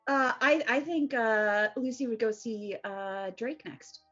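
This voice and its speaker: A woman's voice: a little high, slow, a bit bright, highs cut off, faint music behind. A woman player casually narrating her character's actions in a tabletop game.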